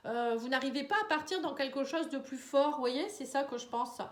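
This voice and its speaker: Her voice sits high and runs a little fast as this tired tarot and oracle card reader, stuffed up with a head cold, gives a casual horoscope reading to camera. She addresses the viewer directly with tags like "hein" and "vous voyez," in roomy, resonant sound.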